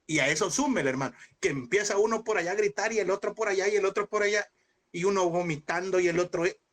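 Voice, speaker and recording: A man teaching a Bible seminary class in a lively preaching style, asking rhetorical questions and acting out scenes in sudden high shouts. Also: fast. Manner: animated, mimics voices with sudden high shouts; addresses listeners as brother, rhetorical questions.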